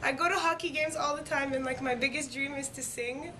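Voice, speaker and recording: This young woman's high-pitched voice is brisk and sharp-toned, its intonation fairly even. A native French speaker from Montreal, Quebec, and a singing competition winner, she answers interview questions eagerly, with many fillers and restarts. The recording carries noticeable background noise.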